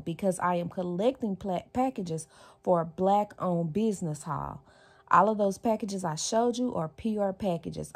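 A woman's voice: mid-range voice, a little mellow. A woman, vlogging from her car and venting to her viewers in a frustrated, direct way. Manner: frustrated, venting straight to camera. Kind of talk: casual vlog talk. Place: parked car, dark at first then daylight. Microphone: phone camera on the dashboard.

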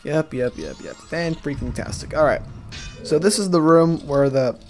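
A man's voice: on the high side, big pitch swings, moderate pace, darkish tone. A man giving casual, joking walkthrough commentary over gameplay, rambling into self-deprecating asides. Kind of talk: casual let's-play commentary. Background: game music.

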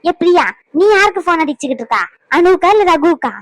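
A woman's voice: high voice, fairly quick, dry recording, natural voice. A woman voicing a stern middle-aged mother-in-law who lectures and scolds her family in a cartoon drama. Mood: scolding. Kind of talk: Tamil cartoon drama voice acting.

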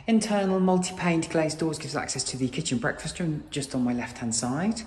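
Here a British man with a fairly high voice, speaking at normal speed, plays estate agent, gushing in slick sales patter as he tours an empty new-build house. The recording follows him indoors and out, with echo bouncing off the bare rooms.

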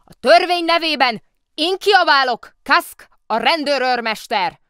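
A pompous, blustering police sergeant in a storybook who bellows orders in the name of the law, as a woman puts him on. His shouted voice sits far above the reader's usual tone, loud and strained. The sound is close and dry. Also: high voice, lively intonation, no echo, voice pushed up. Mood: furious shouting. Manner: shouting commands.

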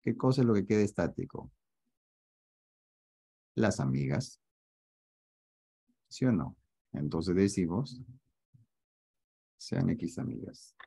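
Man, math teacher, online class, deep gravelly voice, mellow, dry sound, teasing and joking. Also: very animated, slow pace, long pauses, dry recording. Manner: joking, teasing, asks students to confirm often. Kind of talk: online class, solving problems with students.

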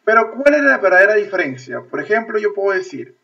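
Bright-voiced Peruvian man teaching a class. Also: high voice, big pitch swings, quick pace. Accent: Peruvian Spanish. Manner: repetitive, checks understanding with constant "ok?". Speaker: English teacher. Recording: distant, lo-fi video-call audio.

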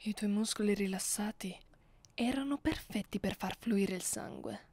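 Close to a studio microphone, a woman voices a haughty female vampire mistress, seductive and dominant, chiding her captive in an ASMR roleplay. Her Italian-accented, mid-range voice is slightly rough, slow, condescending and teasing, frequently dropping to a whisper, in a dry recording.

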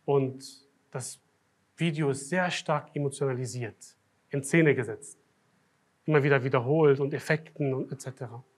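A man giving a religious night lecture as a sheikh, swinging from quiet, low remarks to loud, emphatic declarations. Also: steady tone, normal speed. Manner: grows loud and emphatic when making a point, drops low and soft at times. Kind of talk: Muharram night sermon. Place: lecture hall of a foundation.

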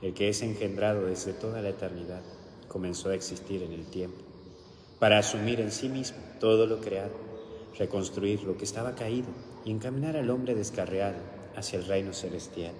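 Inside a small chapel with an altar, a deep-voiced male priest with an Argentine Spanish accent leads Mass and preaches, his darkish voice reciting prayers slowly and solemnly. Hall echo fills the space, with hiss in the background.

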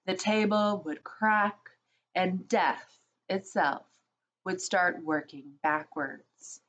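A woman voicing a great, calm and wise male lion who speaks slowly and gravely. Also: on the low side, lo-fi sound, slight background noise. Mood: solemn. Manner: slow, solemn and grave.

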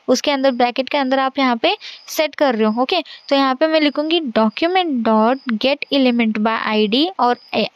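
A woman's voice: sits high, dry recording. A young woman teaching a coding lesson over a screen share, talking casually and reassuringly, checking in with "okay" again and again. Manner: casual, repeats "okay" and "theek hai" often, reassuring. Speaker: coding tutor.

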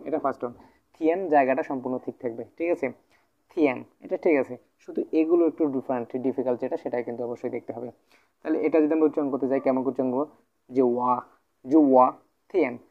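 A man teaching Mandarin words, drilling the same words over and over in a repetitive classroom manner. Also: vocal fry. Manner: repetitive drilling of words, frequent filler 'thik ache'. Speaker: language teacher. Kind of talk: explaining Mandarin words in Bengali. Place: at a whiteboard, indoors. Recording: phone-like low-quality audio.

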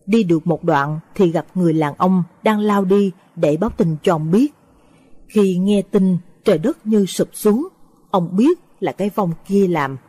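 A woman narrating a Buddhist audio story in a slow, solemn storytelling manner. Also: on the low side, warm tone, breathy edge.

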